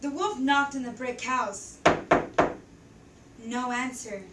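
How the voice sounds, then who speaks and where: A woman's voice: high voice, slow pace. A teenage girl narrating a story theatrically as a student stage performer. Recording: echoey room, distant mic, faint noise.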